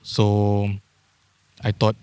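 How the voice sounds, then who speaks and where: Singaporean man in his thirties, low voice, dry close sound, easygoing self-deprecating guest. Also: completely flat delivery, extremely slow, dark tone, smooth, dry recording. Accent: Singaporean English. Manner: laid-back, self-deprecating joker. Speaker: podcast guest, audio engineer. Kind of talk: casual chat.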